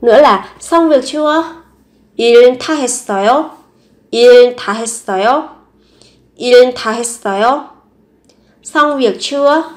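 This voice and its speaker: A woman's voice: fairly high pitch, fairly quick, long pauses. A young woman with a Vietnamese accent teaching Korean phrases, patiently repeating each example several times. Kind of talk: language lesson explaining phrases.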